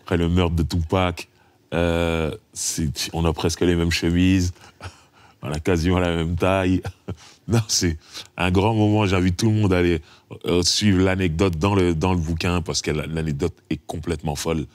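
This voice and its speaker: Middle-aged male rapper from France, very deep voice, dry close mic, animated storyteller. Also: normal speed, dry recording. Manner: lively storyteller, acts out dialogue, chuckles often. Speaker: rapper, interview guest. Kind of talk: casual interview anecdotes.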